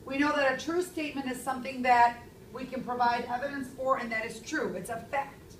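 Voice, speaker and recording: A woman's voice: high voice, steady tone, brisk, far from the mic, a little hiss or hum. Emphatic woman teacher in an echoey classroom. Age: 30s. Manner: clear, emphatic, stresses key words. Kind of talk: classroom language lesson. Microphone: far camera.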